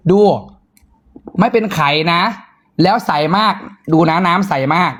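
A man with a northeastern Thai Isan accent giving a loud, excitable live-stream sales pitch, breaking into sudden high squeals. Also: a little slow.

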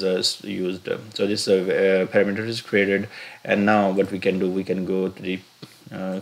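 Low gravelly man with halting delivery. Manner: halting, many filler "uh"s and restarts. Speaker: software tutorial instructor. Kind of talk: screen-recorded software walkthrough. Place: voice-over recorded separately from the pictured screen.

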